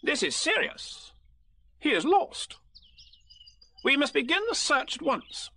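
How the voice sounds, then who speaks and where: Man as officious storybook rabbit, high-pitched, pompous, lively swooping intonation. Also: fast, full character voice. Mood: self-important. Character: bossy, self-important male rabbit, brisk and officious.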